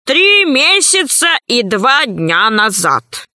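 A huge, good-natured alien archaeologist from a storybook, as a woman reads him. He talks low, slow and a little sheepish, in a dry, close sound. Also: sing-song, bright, forceful tone, no room sound, exaggerated voice. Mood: matter-of-fact.

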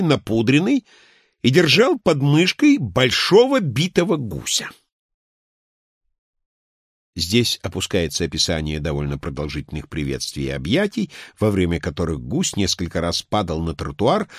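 A man reading a humorous literary story aloud in an ironic, lively manner. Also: on the low side, husky, no echo, studio quality. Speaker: narrator.

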